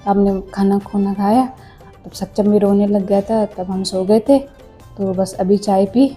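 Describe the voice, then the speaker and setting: Cooking at home with a clip-on mic, a young woman narrates a casual vlog, addressing her viewers as "friends" and mentioning how hot and itchy the heat makes her. She speaks a little slowly at medium pitch with fairly even intonation and a dark tone, over soft background music on a rough recording.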